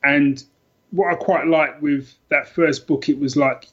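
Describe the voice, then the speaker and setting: On dull, lo-fi podcast audio, a middle-aged British guest with a fairly high, somewhat bright voice speaks unhurriedly in a steady tone. His relaxed, reflective chat about favourite books is full of repetition and rewording as he works things out aloud.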